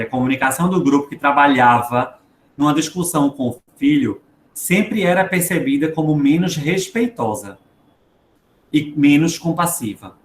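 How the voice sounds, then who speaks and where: A man, a psychologist reading a book aloud and commenting on it in an earnest talk, slowing down to stress words. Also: a little high. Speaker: psychologist guest speaker. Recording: echoey room with faint background noise.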